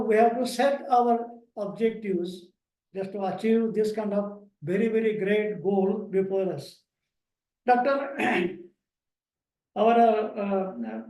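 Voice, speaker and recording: A man with an Indian English accent giving an online lecture to teachers, slow and repetitive with many fillers, recorded over a video call. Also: high voice, warm tone. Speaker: lecturer at a teachers' training program. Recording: echoey room, speaker far from the mic.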